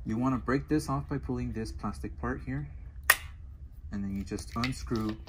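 A man speaking through a gas mask while giving a relaxed product tutorial, with many ums and uhs. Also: medium pitch, moderate pace, heavy background noise. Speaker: product demonstrator.

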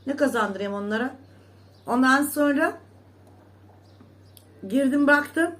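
A woman's voice: sits high, slow pace, fairly bright tone. A woman vlogger in a casual monologue to her viewers, scolding and indignant, repeating herself with emphatic oaths.

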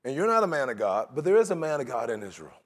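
A man's voice: medium pitch, very animated, fast. A middle-aged man preaching a sermon in a large church sanctuary, talking in a conversational way and slipping into mocking voices for his examples.

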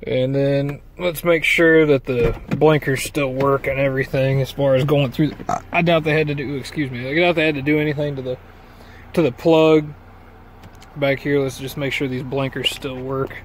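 A mid-range male voice with fairly even intonation comes through at normal speed, with a little hiss or hum in the audio. The man, a vlogger covering truck accessories, casually walks through a part he installed, rambling in a folksy way with fillers as he films handheld from inside the truck and beside a trailer.

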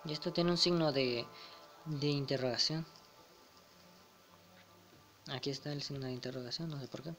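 A man's voice: mid-range voice, steady tone, normal speed, long pauses, fairly bright tone, faint music behind. A young man with a Spain Spanish accent commenting casually over a game, chuckling and reading the dialogue aloud. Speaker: gamer. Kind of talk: let's play commentary.

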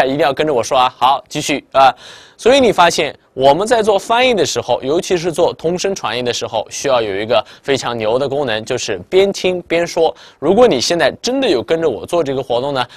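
A male English tutor teaches with a bouncy, animated voice that swings up and down. He talks at a brisk clip and speaks Mandarin with a Chinese accent. The sound is close and dry, with no room echo. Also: mid-range voice. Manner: lively, chatty teacher, quizzing the viewer with "明白了吗". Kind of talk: online English listening lesson.

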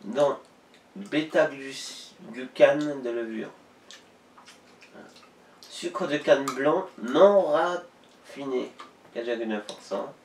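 A man's voice: medium pitch, lively intonation, drawn-out words, pauses often. A young man speaking behind glass in a casual tasting vlog, reading an ingredient label aloud. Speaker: vlogger tasting drinks. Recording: roomy sound from far off, faint noise.

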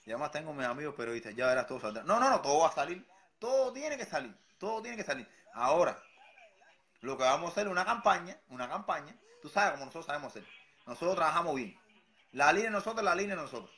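A man's voice: a little high, a bit bright. A Cuban man with a Cuban accent giving a sarcastic, taunting monologue, repeating his lines as he mocks someone. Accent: Cuban Spanish. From Cuba. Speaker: satirical vlogger. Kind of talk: mocking impression monologue.

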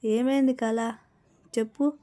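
A woman's voice: a little high, steady tone, takes it slowly, warm tone. A woman voicing a worried, probing middle-aged mother in a told story, firing off questions. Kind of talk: storytelling role-play.

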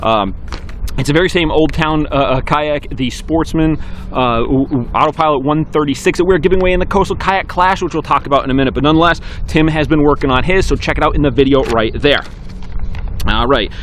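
A man in his forties hosting a weekly fishing report to camera, outdoors on a dock, talking briskly and upbeat with some fillers. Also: fairly high pitch, slight background noise.

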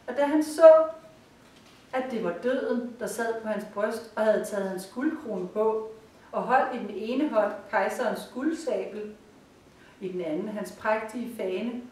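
A woman reading a fairy tale aloud in a calm, measured storytelling manner, in a cosy room. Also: fairly high pitch. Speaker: reader. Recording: roomy, far from the mic.

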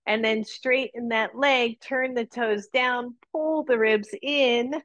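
A woman teaching a live yoga class, calling out cues and counts with encouraging, breathy exhales. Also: on the high side, steady tone, slow, a bit bright, no room sound, dull audio.

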